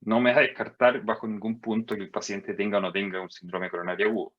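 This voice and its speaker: Low-voiced lecturing doctor. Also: male voice, flat delivery, muffled recording. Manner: measured and explanatory, with sudden higher-pitched emphasis on key points. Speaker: physician lecturer. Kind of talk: medical lecture over slides.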